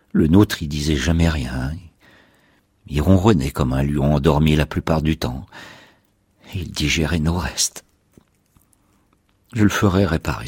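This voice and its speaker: Excitable defiant confessor, voiced by a man: low, husky, dry, bursts loud. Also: dry recording, full character voice. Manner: excitable, sarcastic, swings to shouting. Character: agitated man confessing he killed his noisy house.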